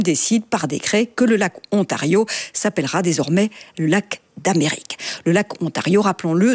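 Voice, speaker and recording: A woman from Belgium delivers a radio explainer in a clear, conversational tone. Her voice sits a little low and has a husky edge. The sound is dry and close. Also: darkish tone, no echo. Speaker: radio columnist.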